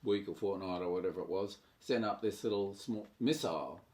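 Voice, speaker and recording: A man's voice: deep voice, fairly quick, a little mellow. Older Australian man reminiscing. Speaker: guest. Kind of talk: casual storytelling interview.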